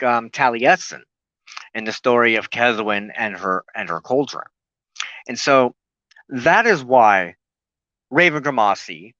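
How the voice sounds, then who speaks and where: Speaking at medium pitch with a slightly bright tone, a man hosting a broadcast gives a sincere, off-the-cuff teaching. He reflects as he goes, frequently pausing partway through sentences. The audio sounds dull and dry, with no room sound.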